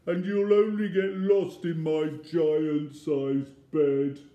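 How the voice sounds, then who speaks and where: A man reading a picture book aloud, voicing a gigantic, upset bear that bawls in a loud, high wail. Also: flat delivery, slow pace. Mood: bawling. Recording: roomy echo.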